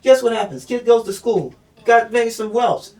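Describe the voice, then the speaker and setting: Brief: high-pitched man, podcast co-host, probing and argumentative, heard from a distance. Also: moderate pace, darkish tone. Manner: probing, makes points with questions and frequent "mm-hmm"s. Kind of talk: casual chat.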